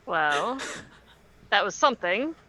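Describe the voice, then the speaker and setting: A woman's voice: mid-range voice, very animated, slow, bright, forceful tone. A woman chatting casually as a player in a tabletop game, voicing her character informally. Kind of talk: casual chat, informal role-play. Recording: slightly dull, muffled audio.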